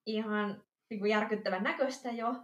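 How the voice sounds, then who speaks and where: A woman co-hosting a casual podcast chat, telling an everyday story in a lively way and acting out bits of dialogue. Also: mid-range voice. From Finland. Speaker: podcast co-host. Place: lives in Amsterdam. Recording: roomy echo.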